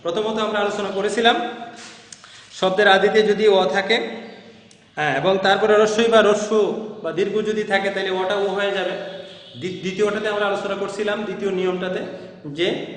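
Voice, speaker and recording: A man's voice: sits high, fairly even intonation, normal speed, pauses often. A man teaching a grammar lesson, repeating terms and asking questions he then answers, with frequent hesitant fillers. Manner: repetitive, asks questions then answers them himself. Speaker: college Bengali teacher. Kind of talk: classroom grammar lecture. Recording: very echoey room with long reverb.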